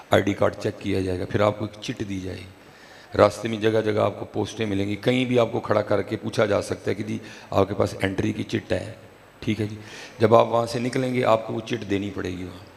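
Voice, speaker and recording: A man preaches to a gathered crowd, his low voice rough with fry and held to a narrow range. He slips between slow chanted prayers and easy, chatty explanation. The hall's long echo rings after him over a faint hum of noise. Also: little pitch movement. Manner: conversational, repeats "ٹھیک ہے جی". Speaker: religious speaker. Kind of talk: sermon at a gathering. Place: religious gathering hall. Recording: echoey hall, faint background noise.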